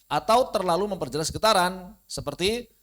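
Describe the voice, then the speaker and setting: A man with an Indonesian accent teaching Quran recitation online, repeating syllables loudly to demonstrate each sound. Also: sits high, lively intonation, normal speed. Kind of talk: online tajwid lesson.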